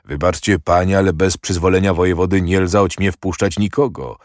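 A man's voice: low-pitched, fairly even intonation, a little fast, dry recording, clean studio sound, close to an everyday voice. A man reading the part of a hesitant, flustered guard captain.

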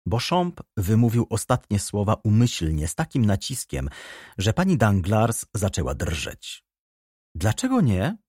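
A man narrating a classic novel as an audiobook, expressive storytelling. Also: on the low side, a little slow, no echo, clean studio sound.

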